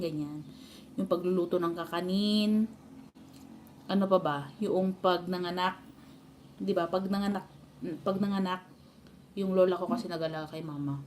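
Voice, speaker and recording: A woman's voice: mid-range voice, a little mellow, a little hiss or hum. A woman with a Filipino accent chatting and telling family stories to her live stream viewers, laughing often. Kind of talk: casual live stream chat.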